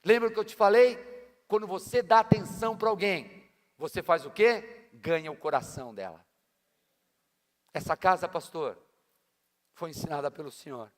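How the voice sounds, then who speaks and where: In a church hall with long reverb, a pastor preaches emphatically and colloquially, tossing slangy asides to his congregation. His voice is high, his pace moderate, and he pauses often.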